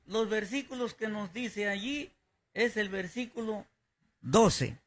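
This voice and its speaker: A man's voice: high-pitched, slow pace. A male pastor preaching a sermon, emphatic and repeating his key phrases.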